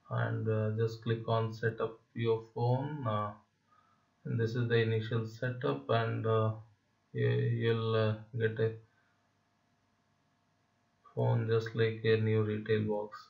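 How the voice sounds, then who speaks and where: A man walks through a phone setup in a level, unvaried tone with a gravelly edge, stopping often on "uh" and checking in with "right?". He sounds distant from the mic, in a roomy space with a dull, lo-fi recording. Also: mid-range voice. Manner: hesitant, many "uh" fillers and tag "right?". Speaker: tech video host. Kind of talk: phone how-to walkthrough.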